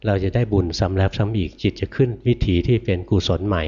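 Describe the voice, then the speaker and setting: An older monk giving a dharma sermon, gentle and repetitive, often asking his listeners questions and answering them himself. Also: fairly low pitch, quick pace, highs cut off. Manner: gentle, repetitive, ends phrases with soft particles. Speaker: Buddhist monk teacher.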